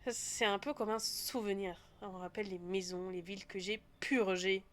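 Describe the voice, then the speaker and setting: A woman's voice: mid-range voice, fairly even intonation, normal speed, a bit bright, natural voice. Brief: hard male hunter, cold and self-righteous, odd mixed accent, put on by a woman.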